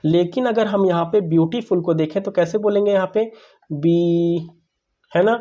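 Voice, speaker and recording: A man's voice: sits high, fast talker, warm tone, highs cut off. A man teaching English grammar, who keeps asking questions and answering them himself and calls his listeners brother. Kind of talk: classroom-style grammar lesson.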